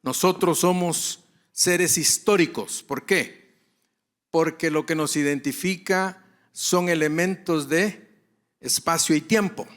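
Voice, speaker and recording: A man with a fairly high voice delivers a conference lecture to other pastors at an unhurried pace. He leans on repetition to drive his points home. He often poses a question and answers it himself. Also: a bit bright. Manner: rhetorical, repeats key phrases for emphasis.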